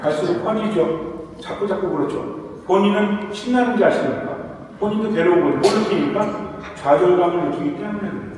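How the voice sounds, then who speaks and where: A man's voice: sits high, fairly quick, a little mellow, a little hiss or hum. A man from South Korea, a priest giving a sermon-style talk to his parish, often asking the audience questions and answering them himself. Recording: echoey hall recorded from far off.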